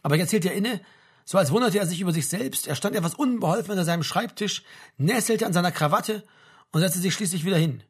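A man narrating a novel as an audiobook in a steady, measured way. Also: high-pitched, slightly rough.

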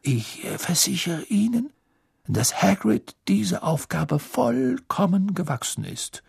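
A man's voice: high voice, very animated, slow pace, creaky, slightly rough, dry recording, clean studio sound, voice pushed up, heavily acted. A man doing a gracious old headmaster. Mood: reassuring.

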